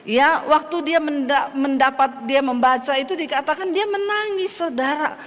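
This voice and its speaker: A woman's voice: sits high, normal speed, a bit bright, long reverb tail. A woman pastor preaching a sermon, calling the congregation "brothers and sisters" and acting out inner voices. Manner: addresses congregation as "saudara", acts out inner voices.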